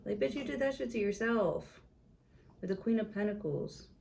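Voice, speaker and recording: A woman's voice: medium pitch, animated, normal speed, gravelly, noisy background. A woman giving a casual tarot reading, blunt and chatty with plenty of swearing, in a room with a window open. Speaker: tarot reader.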